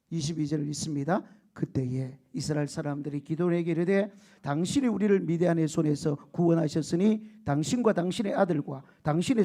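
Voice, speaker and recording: High, gravelly pastor preaching. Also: male voice. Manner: animated storytelling with shouted quotes and laughter; keeps prompting the congregation for answers. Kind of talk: sermon.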